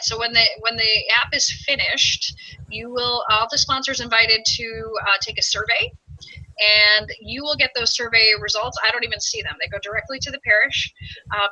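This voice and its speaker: A woman who works as a parish youth minister, explaining an app she built in a chatty webinar presentation with many pauses to say um. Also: on the high side, bright, forceful tone, rough recording.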